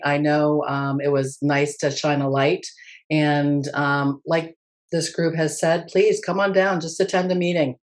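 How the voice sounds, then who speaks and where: A woman's voice: low voice, a little mellow. A woman hosting a segment, upbeat and encouraging as she introduces the next part. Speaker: segment host. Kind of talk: scripted show link.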